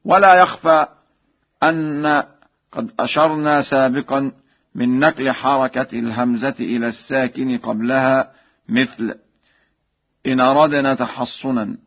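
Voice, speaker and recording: A man explains recitation rules in a measured way, breaking into slow, melodic chanted examples. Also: medium pitch, fairly even intonation. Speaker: Quran recitation teacher. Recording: dull lo-fi radio broadcast.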